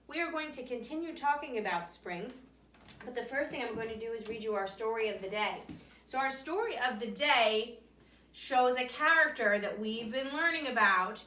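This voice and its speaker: A woman's voice: high voice, pushed and bright. A woman teacher reading a storytime lesson to young children, coaxing them with questions. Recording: roomy echo, voice from the mic's distance.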